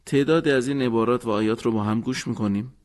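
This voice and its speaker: Calm male instructor, steady lesson narration. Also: medium pitch. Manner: calm, methodical, explaining pronunciation. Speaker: teacher.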